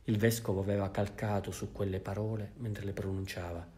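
A man with an Italian accent reading a classic novel aloud in measured, even narration. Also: lowish voice. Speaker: audiobook reader. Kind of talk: literary audiobook narration.

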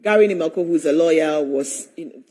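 A male news interviewer with a Ghanaian accent. His voice sits fairly high and is noticeably husky, with a slightly mellow tone as he sets out his questions. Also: brisk.

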